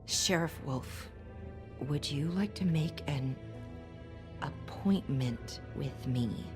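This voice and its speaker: Low, slow, sultry mermaid Nerissa. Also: female voice. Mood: discreet, seductive. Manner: slow, coy, measured. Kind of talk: video game voice acting. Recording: music behind the voice.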